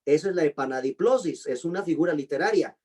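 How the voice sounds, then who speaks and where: Man teaching slowly, spelling out terms. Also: fairly high pitch, expressive, darkish tone. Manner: slow, deliberate spelling-out of terms; quizzing students with questions. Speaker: pastor and teacher. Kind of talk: online class lecture.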